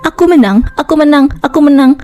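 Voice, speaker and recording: Brief: a storyteller doing a frightened young woman in a ghost tale, tense, high voice. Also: fast talker, warm tone, faint music behind, close to an everyday voice. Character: frightened young woman playing a ritual game.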